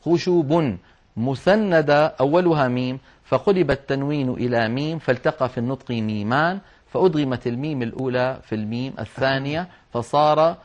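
A male teacher patiently explaining a lesson step by step, chanting short example phrases slowly. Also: medium pitch, highs cut off. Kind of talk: explanatory lesson on Quran orthography marks.

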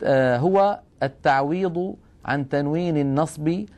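Slightly high-voiced man teaching patiently. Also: darkish tone. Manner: explains patiently, stretches example words slowly. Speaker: Quran recitation rules teacher. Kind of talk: classroom-style lesson.

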